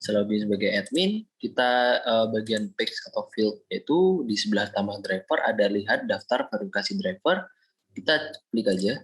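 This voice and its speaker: A young man from Indonesia, a student, explaining a software project step by step in a screen-recorded walkthrough, often pausing with fillers. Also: on the low side, expressive, poor audio. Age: young adult. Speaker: student presenting a project demo.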